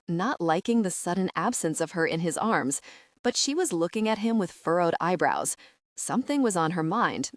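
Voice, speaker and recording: Low-voiced woman narrating a romance. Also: no room sound, studio quality. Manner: measured and sensual. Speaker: audiobook narrator.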